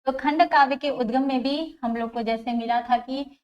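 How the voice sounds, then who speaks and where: A woman's voice: high voice, moderate pace, a little mellow. A woman teaching an exam-prep lecture, explaining step by step, repeating key terms and asking and answering her own questions. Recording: dull lo-fi sound.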